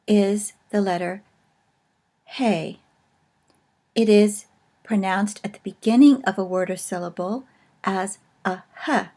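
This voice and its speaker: A woman teaching in a recorded video lesson, explaining slowly and carefully with pauses. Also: medium pitch, warm tone.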